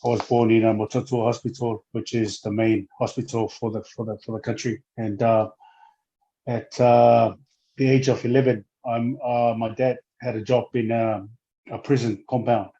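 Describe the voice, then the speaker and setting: Guy in his 40s, hesitant, lots of uhs, warm mellow voice, muffled audio. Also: medium pitch, little pitch movement, normal speed. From Samoa. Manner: hesitant, many fillers and restarts. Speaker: guest, former rugby player. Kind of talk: casual interview.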